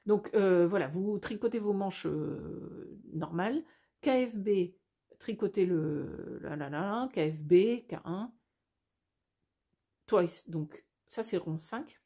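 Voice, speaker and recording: A woman's voice: medium pitch, lively intonation, takes it slowly, dark tone, slightly rough. A woman hosting a casual step-by-step knitting tutorial, chatty and thinking aloud as she corrects herself.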